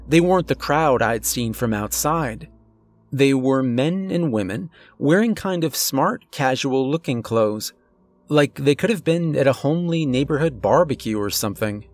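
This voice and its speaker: Man narrating a horror story. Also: medium pitch. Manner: steady, measured storytelling with tense pauses. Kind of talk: scripted first-person horror narration. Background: faint eerie music.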